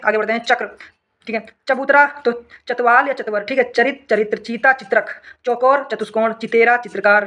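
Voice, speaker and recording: A male teacher giving a rapid revision lesson, reading word pairs aloud one after another and often checking in with his students. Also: sits high, bright, forceful tone. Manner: rattles off word lists, often says "okay, friends". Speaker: exam prep teacher.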